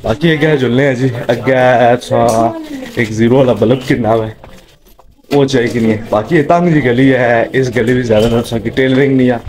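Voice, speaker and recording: This is a casual walking vlog: a young man with a Pothwari Punjabi accent greets vendors in a busy open-air bazaar, talking at a normal speed in a medium-pitched voice. The handheld camera, held at arm's length, captures plenty of crowd chatter and street noise.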